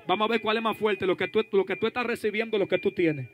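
A male pastor leading a fervent deliverance prayer, commanding and hushing the crowd by turns. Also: high-pitched, fast, a little hiss or hum. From Dominican Republic. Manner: fervent, commanding, shouting and hushing, speaks in tongues. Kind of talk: deliverance prayer and prophecy at a service.

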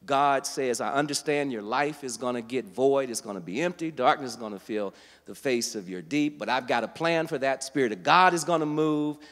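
A man preaching a sermon, teaching verse by verse and building to loud, emphatic passages. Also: mid-range voice, normal speed, long reverb tail. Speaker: guest preacher. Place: church sanctuary.

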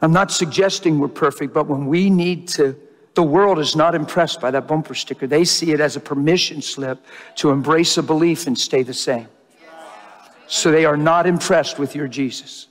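Animated male preacher in a reverberant hall. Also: fairly high pitch, moderate pace. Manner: animated storytelling, acting out dialogue. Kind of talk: sermon.

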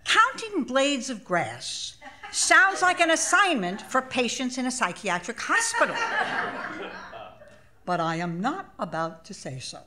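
Over a noisy background, an older woman in her seventies reads her own essay aloud with lively, swooping pitch. Speaking into a stage microphone at a live event in a small theater, she is measured, expressive and wry.

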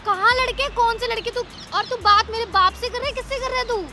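Very high-voiced young woman, defensive. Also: fast talker. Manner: defensive, questioning. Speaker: prank target. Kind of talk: street conversation. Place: outdoors in a park. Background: background music.

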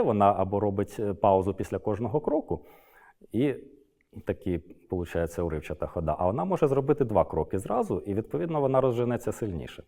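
Man, middle-aged, lecturer, deep voice, halting delivery full of fillers. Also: dark tone. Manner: hesitant, many filler sounds and restarts. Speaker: Arabist lecturer. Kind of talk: unscripted lecture.

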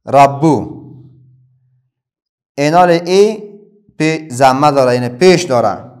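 In a mid-range voice with a darkish tone, a middle-aged man with an Afghan Dari accent gives a reading lesson for children. He asks patient questions and answers them himself.

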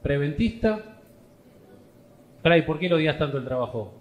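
His voice is a little high and expressive, moving at normal speed, though the audio sounds dull. This stand-up comic speaks with a Rioplatense Spanish accent and teases the crowd and chats in his vlog, joking and laughing often.

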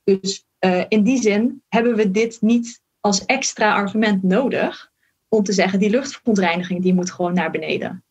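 A woman's voice: mid-range voice, normal speed, darkish tone, breathy edge, muffled recording. A woman from the Netherlands, a physician in training, explaining carefully in a casual podcast talk with many fillers and hedges. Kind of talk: casual conversation.

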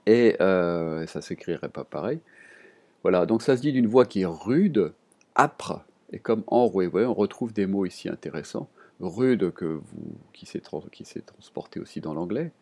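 A man teaching a vocabulary lesson to his students, talking in a relaxed, hesitant way with many fillers and restarts, recorded at his desk. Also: low-pitched, moderate pace.

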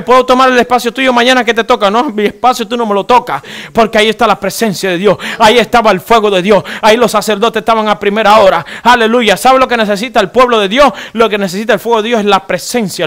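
A fervent male preacher with a high, bright voice, swinging between shouted lines and quiet, low passages. He leads the congregation in repeating phrases back to him. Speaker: pastor. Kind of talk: sermon.

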